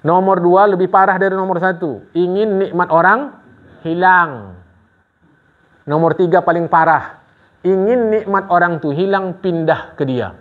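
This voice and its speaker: Animated male preacher on a tinny recording. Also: high-pitched, unhurried. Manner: animated, rhetorical questions to the congregation. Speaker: religious teacher. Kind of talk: sermon.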